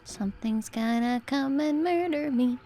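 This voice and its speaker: Scared girl streamer playing a horror game, woman w a high voice, jumpy, chats to viewers, faint music behind. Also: a little slow, warm tone. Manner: jumpy, easily scared, gasping and exclaiming. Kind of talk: horror game livestream chat, reacting while playing.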